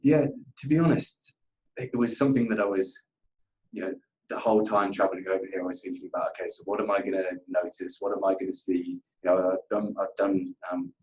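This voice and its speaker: A man being interviewed at work as an account manager answers earnestly and conversationally, often repeating himself and filling gaps with "you know." His voice is low and a little mellow, he speaks fairly quickly, and the recording's highs are cut off.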